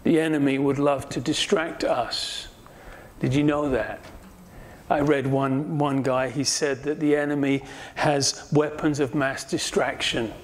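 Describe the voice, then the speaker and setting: A man's voice: medium pitch, a little slow. A man teaching through a Bible passage verse by verse, acting out the voices of the people in the story as he goes. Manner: animated, acts out voices of enemies and Nehemiah.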